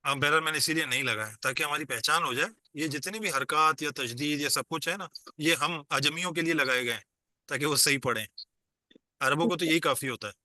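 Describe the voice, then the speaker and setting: Bright, dry-voiced man teaching a class. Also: a little high, no room sound. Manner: patient, explains step by step and quizzes the class. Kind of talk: online class lecture. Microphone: video call.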